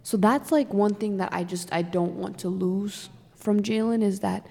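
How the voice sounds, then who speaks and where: A young woman talks casually about her team, her words tumbling out in long, emotional runs packed with "like". Her voice has a gravelly fry to it. She sits in a reverberant room, and the sound trails off with a long echo. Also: mid-range voice, normal speed, warm tone. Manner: rambling, emotional, many "like" fillers. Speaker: sports fan podcast co-host. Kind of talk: casual chat.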